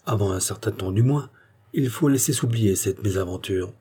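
Man reading as a gruff fatherly police chief. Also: lowish voice, normal speed, dark tone. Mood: stern.

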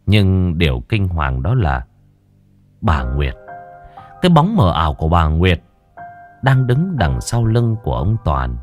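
Deep-voiced man narrating a ghost story. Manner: dramatic, lively storytelling with drawn-out pauses. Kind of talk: scripted horror story narration. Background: faint music.

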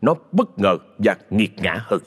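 A man narrating a ghost story in a dramatic, expressive way. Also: fairly low pitch, a little slow, a little hiss or hum.

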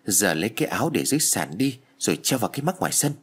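A man voicing a nervous teenage boy who stammers and speaks in a hushed way. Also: fairly low pitch, sing-song, rapid-fire, breathy edge, full character voice.

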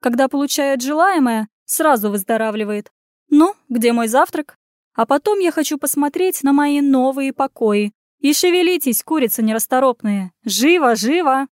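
A woman voicing a cunning young heroine who plays a cranky village granny, loud, mocking and bossy. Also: sits high, lively intonation, moderate pace, no echo, studio quality, pitched above the performer's own voice.

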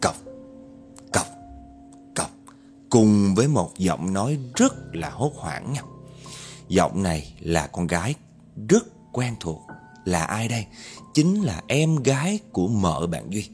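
A man's voice: fairly low pitch, sing-song, measured pace, darkish tone, faint music behind. A man telling a spooky story dramatically and speaking directly to his listeners. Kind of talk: spoken horror storytelling.

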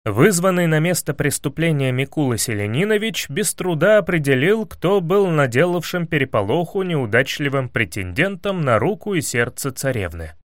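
Comic storybook narrator: a man, wry and expressive, animated pitch, slightly raised voice. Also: moderate pace, few pauses, dry recording, studio quality.

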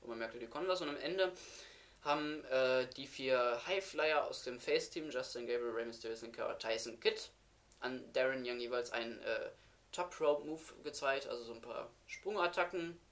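A man co-hosting a casual podcast chat. He talks quietly and speeds up rather than raising his voice. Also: medium pitch, moderate pace. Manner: speeds up instead of getting louder; soft-spoken, talks quietly. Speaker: podcast co-host. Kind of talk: casual wrestling review chat.

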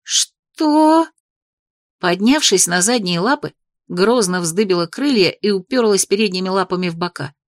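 A woman narrating a first-person fantasy audiobook in a lively, expressive way. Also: on the low side, a little fast, dry recording, studio quality.

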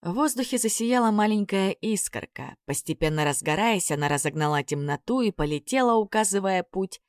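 A woman narrating a fairy tale audiobook in an expressive storytelling manner. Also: medium pitch, fairly quick, smooth, no room sound, studio quality.

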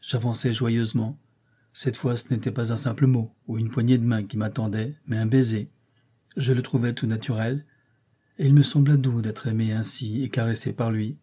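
A man narrating a classic novel as an audiobook reader, in a steady, measured way. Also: mid-range voice, slightly rough. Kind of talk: scripted narration.

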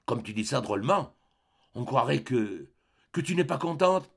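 A man's voice: medium pitch, lively intonation, normal speed, creaky, breathy edge. A man reading a novel aloud, voicing an eager, affectionate young man who asks openly. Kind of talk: audiobook character reading.

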